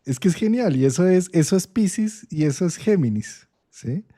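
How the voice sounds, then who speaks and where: This is a man in his own voice, an astrologer walking through an idea in an unhurried chat. He sits a bit high in pitch, with a soft, dark, mellow tone. He thinks aloud, stops to check in with a quick "right?", and keeps his phrases open and thoughtful. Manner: frequent "¿sí?" checks, thoughtful and expressive. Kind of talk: conversational explanation in an online talk.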